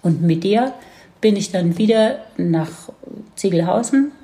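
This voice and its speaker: On a podcast, a woman in her seventies with a Baden German accent reminisces about her life, telling it as a grandmother would, slowly and with laughter. She is from near Heidelberg in Germany. Her voice is mid-range, dark in tone and expressive.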